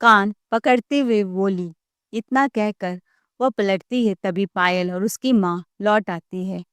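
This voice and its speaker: A woman narrating a scripted family story in a measured, unhurried way. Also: mid-range voice, a bit bright, clean tone, dry recording.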